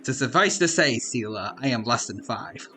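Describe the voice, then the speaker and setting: A man doing casual live game commentary as a streamer, chatty and animated. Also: medium pitch, moderate pace, faint music behind.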